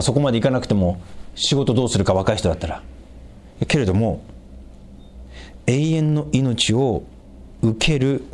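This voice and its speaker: A middle-aged man preaching a sermon as a pastor, explaining scripture in an animated way and making small jokes with the congregation. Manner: animated, raises pitch for emphasis and quoted lines, jokes with the congregation.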